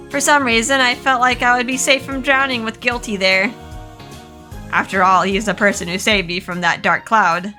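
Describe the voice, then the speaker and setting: A woman's voice: mid-range voice, sharp tone. A woman voicing a dreamy young college student, reading game lines aloud in a wondering tone.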